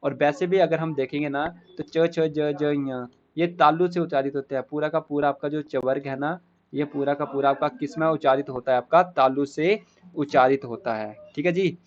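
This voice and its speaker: A man's voice: on the high side, fairly even intonation, moderate pace, muffled recording. A man teaching an exam-prep grammar lesson, explaining step by step and asking the class rhetorical questions before answering them himself.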